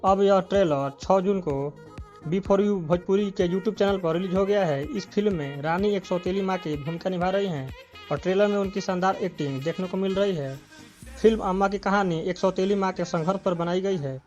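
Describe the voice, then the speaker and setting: A man with a high, light speaking voice delivers a scripted entertainment news voice-over. He reads steadily and evenly from a prepared text, and faint music plays softly underneath. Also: normal speed, muffled recording. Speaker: narrator.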